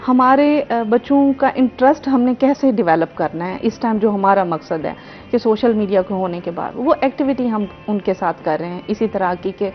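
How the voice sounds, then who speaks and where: A woman's voice: mid-range voice, moderate pace, hardly any pauses. A woman with a Pakistani Urdu accent, a guest librarian earnestly explaining her points on a talk show. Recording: slightly dull broadcast audio with faint music.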